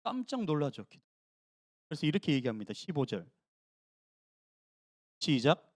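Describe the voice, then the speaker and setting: In a church sanctuary, a male pastor preaches with animation, questioning the congregation and acting out the voices of Gideon and God. His voice is on the high side and measured in pace, recorded at studio quality with no room sound.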